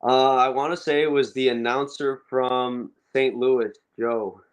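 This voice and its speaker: A man's voice: medium pitch, steady tone, a little slow, poor audio. A young man, a professional soccer forward, casually recounting his career in a laid-back way during an interview.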